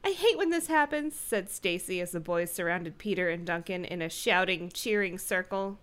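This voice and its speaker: A woman reads a children's book aloud on a comedy podcast, breaking off for playful asides. Her voice is bright and tense. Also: fairly low pitch, expressive, moderate pace, clean tone. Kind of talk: casual chat and reading aloud.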